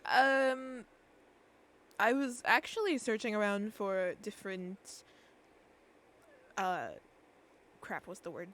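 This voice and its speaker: A woman's voice: mid-range voice, slow, long pauses, a bit bright. A woman streamer speaking in character during game role-play, hesitant and searching for words as she goes. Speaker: streamer playing a shopkeeper character.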